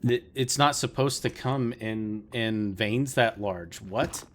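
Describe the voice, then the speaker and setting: A man hosting a let's play, chatting casually to viewers about his game and getting easily excited. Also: fairly low pitch, slow pace. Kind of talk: casual gameplay commentary.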